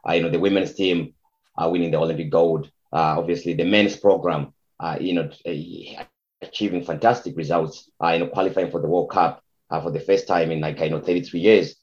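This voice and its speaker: A man from Zimbabwe coaching youth soccer, talking through interview answers with a very low voice. He stumbles and repeats words, with lots of fillers. The sound is dull and lo-fi. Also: fairly even intonation, fairly quick, a little mellow.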